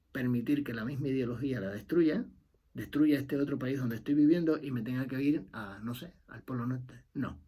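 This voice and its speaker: In a mid-pitched, dark voice with a breathy edge, a middle-aged Cuban commentator argues his opinions with passion. He speaks with a Cuban Spanish accent, leans hard on repeated key phrases, and his sentences tend to fade out.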